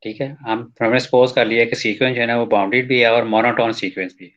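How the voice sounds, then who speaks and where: A man teaching a math proof in a recorded lecture. He reads textbook lines slowly, then explains them in casual Hindi, mixing in English terms and often checking in with "ठीक है". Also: mid-range voice, steady tone, fairly bright tone, muffled recording.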